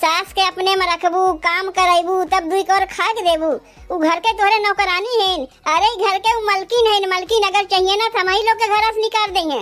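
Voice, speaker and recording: A woman's voice: very high-pitched, steady tone, moderate pace, fairly bright tone. A woman voicing quarrelsome young village daughters-in-law with an Awadhi accent, taunting and bickering.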